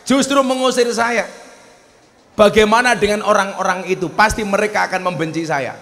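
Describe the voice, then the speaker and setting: A man's voice: very high voice, lively intonation, slow, bright, forceful tone, pitched above the performer's own voice, heavily acted. A man voicing a remorseful young woman who pleads as she confesses a grave sin. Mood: pleading. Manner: pleading, tearful.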